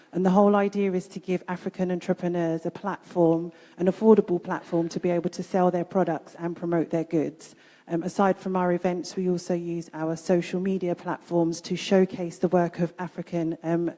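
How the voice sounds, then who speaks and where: A woman on a panel introduces herself in an upbeat tone, dotting her speech with "um"s. Her voice is low and soft. She is heard in a hall with long reverb. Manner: upbeat, many "um"s. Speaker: panelist, event founder. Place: event hall.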